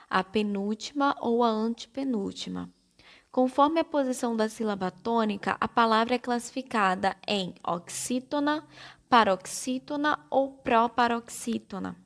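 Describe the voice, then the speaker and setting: A woman teacher with a Brazilian Portuguese accent, giving a slow, careful primary-school lesson and spelling out syllables one by one. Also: on the high side, vocal fry. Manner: spells out syllables slowly and deliberately.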